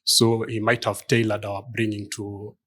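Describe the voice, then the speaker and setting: A man's voice: lowish voice, little pitch movement, normal speed, a bit bright. A middle-aged man from Kenya, a law firm partner answering interview questions in a thoughtful, hesitant way with many fillers. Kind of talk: conversational interview.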